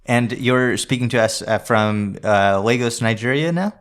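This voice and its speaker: A man's voice: mid-range voice, unhurried. A man co-hosting an interview over a video call, asking questions hesitantly with many fillers. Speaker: co-host. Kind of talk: casual interview.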